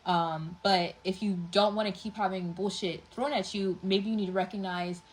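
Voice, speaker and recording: A woman's voice: mid-range voice, steady tone, moderate pace, low-quality recording. A young woman giving a casual tarot reading, talking in a chatty, passionate way with lots of fillers. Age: young adult. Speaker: tarot reader.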